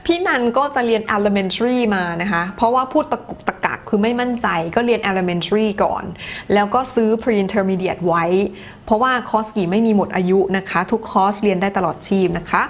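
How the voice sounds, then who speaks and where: A woman's voice: mid-range voice, moderate pace. A woman teacher with a Thai accent reads viewer comments during a live English lesson, chatty and laughing, moving between two languages.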